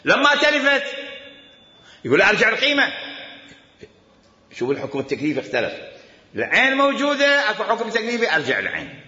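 A man's voice: high voice, wildly swooping pitch, fast talker, pauses often, bright, forceful tone. A man with an Iraqi accent teaching Islamic law, arguing his point, repeating quoted commands and firing off rhetorical questions. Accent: Iraqi Arabic. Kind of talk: jurisprudence lecture. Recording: echoey hall, dull lo-fi sound.

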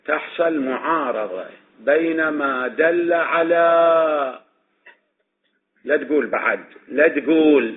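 Iraqi man lecturing over a tinny line. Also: medium pitch. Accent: Iraqi Arabic. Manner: questions students and answers himself; repeats and restates points. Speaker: religious studies teacher. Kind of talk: classroom lecture on legal reasoning. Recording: tinny phone-like recording with faint noise.

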